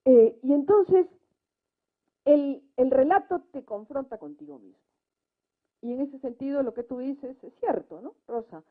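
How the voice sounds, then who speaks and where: A woman with a high, animated voice speaks unhurriedly as a debate panelist, making emphatic points off the cuff and often checking in with short tag questions. The live recording sounds muffled and narrow-band.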